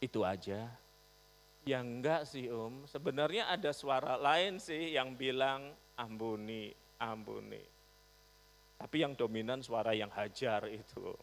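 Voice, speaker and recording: A male pastor preaching a storytelling sermon, animated, swinging from loud to soft. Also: medium pitch, a little slow. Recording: long reverb, mains hum.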